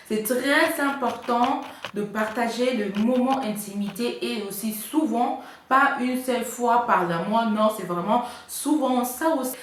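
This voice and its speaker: A woman's voice: fairly high pitch, fairly bright tone. Chatty woman vlogger in an echoey room. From Congo. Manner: chatty, with frequent hesitations. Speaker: vlogger giving couple advice. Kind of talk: casual advice vlog. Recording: echoey room, faint noise.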